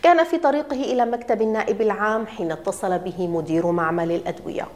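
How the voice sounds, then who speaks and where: A woman reads a dramatic tale aloud in a measured, expressive way. Her voice sits at an ordinary middle pitch, and her pacing builds the suspense. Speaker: narrator. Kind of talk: scripted story narration.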